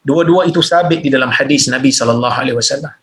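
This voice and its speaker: In a religious Q&A lecture, a man with a Malaysian Malay accent reads listeners' questions aloud and then answers them plainly, jumping up in pitch to stress points. He speaks at a quick pace.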